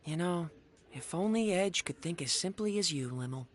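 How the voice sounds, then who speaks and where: A man's voice: a little high, animated, normal speed, a little hiss or hum, lightly acted. An actor voicing an aloof young male companion in a video game, speaking in a dry, detached way. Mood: wry.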